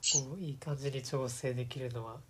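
A woman with a very deep voice hosts a casual chat over clear background noise. She is encouraging and murmurs agreement often. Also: steady tone, fairly quick. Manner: encouraging, frequent agreeing backchannels. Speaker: host asking questions.

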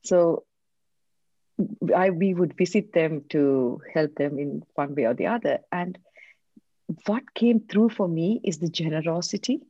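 A woman from Sri Lanka, a guest on a podcast, telling her story in a soft-spoken, reflective, measured way. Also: low voice, breathy edge, no echo, dull audio. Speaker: guest, leadership coach. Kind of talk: interview answers, personal story.

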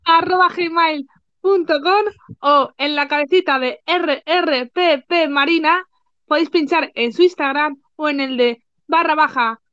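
High-voiced woman co-host, lo-fi. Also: unhurried, a bit bright, no echo. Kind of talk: casual live podcast chat. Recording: dull lo-fi sound.

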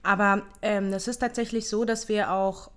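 A woman in her thirties from Ukraine, co-hosting a casual podcast chat and pausing often with fillers. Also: medium pitch, fairly even intonation. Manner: hesitant, many fillers. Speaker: podcast co-host.

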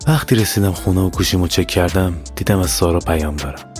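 A man narrating a scripted horror story in a steady, matter-of-fact way. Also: deep voice, over music. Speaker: narrator and writer.

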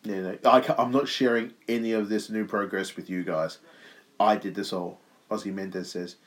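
A man's voice: on the low side, steady tone, moderate pace. A man co-hosting a podcast, chatting casually and jokingly while watching a film. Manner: jokey, sweary, often trails off. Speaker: podcast co-host. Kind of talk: casual watch-along chat.

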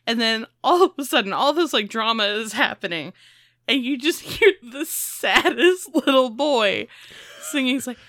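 A woman recaps a film in casual chat, her voice bright and her pitch leaping around as she acts out each character. The sound is dry and close, with no room around it. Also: moderate pace, no room sound. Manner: animated storyteller, acts out quotes, laughs often.

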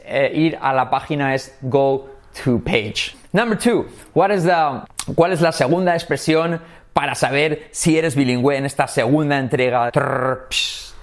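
A man from Spain teaching English in a casual video lesson, lively and switching between languages with slowed, exaggerated examples. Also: a little high. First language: Spanish.

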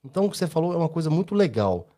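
Brazilian male co-host, mellow warm tone, casual rambling storyteller, Brazilian accent. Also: fairly high pitch, very animated, very fast. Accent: Brazilian Portuguese. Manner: anecdotal, rambling, tag questions. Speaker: podcast co-host. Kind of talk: casual podcast chat.

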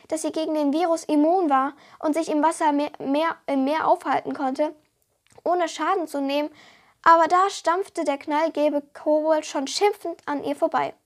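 A woman reading a children's fantasy book excerpt aloud with lively storytelling. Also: high-pitched. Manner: lively storytelling, voicing the characters. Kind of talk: audiobook reading.

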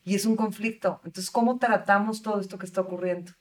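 A woman hosts the conversation as a mother, mixing her own parenting struggles into her questions. Her voice is medium in pitch and sits a little back from the microphone. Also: fairly even intonation, quick pace, far from the mic. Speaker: interview host and mother. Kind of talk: conversational interview.

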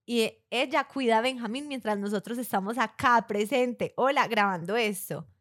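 A woman co-hosts a casual podcast, chatty and lively as she tells stories about her family. Her voice sits somewhat high. The sound is close and dry, with no room around it. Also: moderate pace, dry recording. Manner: chatty, lively, often laughing along. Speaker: podcast co-host.

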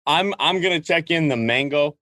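A man's voice: on the high side, normal speed, sharp tone, no room sound. Enthusiastic man chatting on a podcast. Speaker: podcast co-host. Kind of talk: casual podcast chat.

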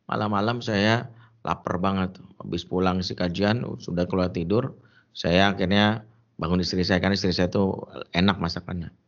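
A man's voice: low-pitched, fairly even intonation, normal speed. A man preaching a humorous sermon, emphatic and joking as he tells stories and gives advice, on a dull lo-fi recording.

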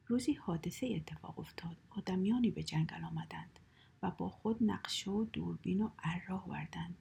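A woman reading a children's story aloud in a soft, hushed whisper. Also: mid-range voice, vocal fry, slightly rough.

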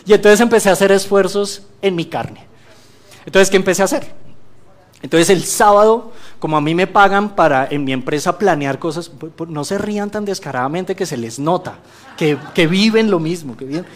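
A man's voice: sits high, normal speed. A man giving a church testimony, telling a story with humor and preaching to the congregation. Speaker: guest speaker giving a testimony.

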